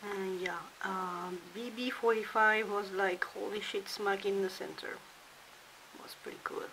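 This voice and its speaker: In an unhurried, mid-range voice, a woman does a casual show-and-tell vlog in a dimly lit hotel room, talking and now and then dropping to a half-whisper while displaying her belongings. The low-quality home recording carries a constant hiss.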